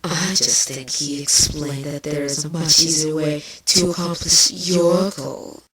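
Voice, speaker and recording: A woman voicing a scheming changeling queen villain, speaking deliberately and with emphasis in a fan fiction drama. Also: sits low, fairly even intonation, fairly bright tone. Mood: smug. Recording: distant mic with clear background noise.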